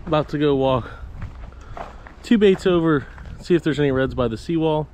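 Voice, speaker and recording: A man's voice: fairly high pitch, moderate pace, noisy background. Laid-back bearded man recapping a fishing day. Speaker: fishing vlogger. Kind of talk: casual vlog narration. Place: indoors in a small storage room.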